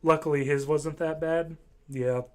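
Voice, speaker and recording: Young guy from ohio just chatting, kinda high voice, lots of um and i dont know. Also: fairly even intonation, unhurried. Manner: rambling, hesitant, many fillers. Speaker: voice chat participant. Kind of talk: casual chat.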